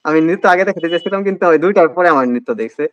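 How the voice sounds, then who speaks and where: দ্রুত কথা বলা তরুণ পুরুষ, শুষ্ক শব্দ. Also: male voice, on the high side, lively intonation, a bit bright, no echo, highs cut off. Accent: Bangladeshi Bengali. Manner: fast, hesitant with many fillers. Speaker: admission candidate, guest. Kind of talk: casual interview storytelling.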